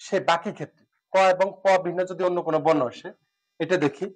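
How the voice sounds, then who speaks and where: Man slowly explaining spelling. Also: fairly high pitch, fairly even intonation. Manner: explains slowly, repeats words, asks and answers own questions; filler "ah" pauses. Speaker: Bengali spelling teacher. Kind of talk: classroom lesson.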